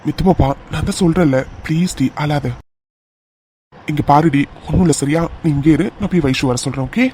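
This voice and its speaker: A caring but hot-tempered young cartoon hero, voiced by a man, with a high, loud voice that pushes urgently. He talks in an anxious, pleading way, and there is faint noise behind him. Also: a little fast, close to an everyday voice. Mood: angry, soothing. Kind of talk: cartoon voice acting.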